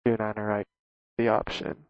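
A man's voice: fairly low pitch, monotone, normal speed, darkish tone, dry recording. A man speaking as a pilot over the aircraft radio, giving terse, clipped readbacks in radio phraseology. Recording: dull lo-fi radio transmission.

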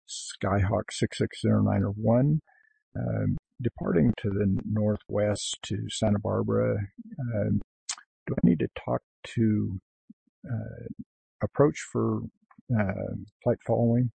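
A man's voice: fairly low pitch, fairly even intonation, slow, creaky, dark tone, slightly rough, no room sound, low-quality recording. A man speaking as a pilot making radio calls to controllers, somewhat hesitant.

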